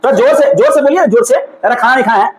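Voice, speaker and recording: A male teacher running a classroom drill, briskly prompting students and urging them to answer louder. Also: very high voice, background noise. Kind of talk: classroom drill, call-and-response.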